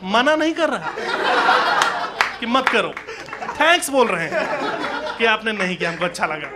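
Speaking at a normal pace in an animated, high-sitting voice, this man from Uttar Pradesh, India, does live observational stand-up in a small indoor comedy club. His anecdotes are colloquial and conversational, with dialogue acted out, delivered on a handheld mic. A noisy, laughing crowd fills the live recording.

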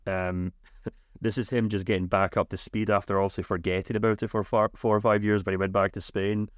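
Low-pitched man with a broad Scottish accent. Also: flat delivery, brisk, dry recording, clean studio sound. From Scotland. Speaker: podcast host. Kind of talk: casual football podcast chat.

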